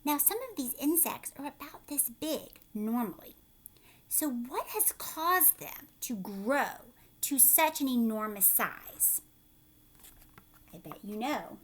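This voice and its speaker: Reading a children's book aloud like a teacher, a woman uses a fairly high, very lively voice. She pauses for dramatic effect and stops to explain things and ask her young listeners questions.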